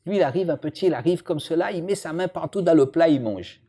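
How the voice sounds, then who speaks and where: A man gives a relaxed religious lesson. His voice swings widely in pitch, and he often turns to question and tease the people listening. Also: fast talker, slightly rough. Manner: lively, jokes with and questions the audience. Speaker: imam teaching a religious lesson.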